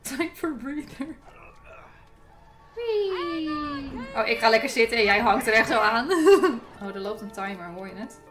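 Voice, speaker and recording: A young woman chatting casually and excitedly as she plays a game, giggly and quick to exclaim. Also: a little high. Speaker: gaming streamer playing co-op with a friend. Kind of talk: casual excited gameplay chat. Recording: game music behind the voice. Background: game music.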